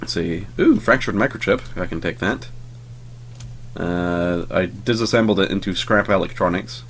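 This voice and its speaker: With a deep voice at a moderate pace, a young man gives relaxed gameplay commentary as a let's play host, having just shaken off a cold. His delivery drifts sleepily, heavy on ums, with casual swearing, and there's a slight hiss or hum.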